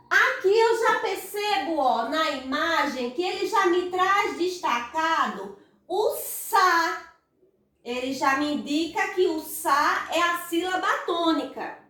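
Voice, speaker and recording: A woman's voice: high voice, fairly bright tone. A woman teaching a grammar lesson to primary school children with a Brazilian Portuguese accent, drawing out stressed syllables in sing-song calls. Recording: echoey room, voice far from the mic.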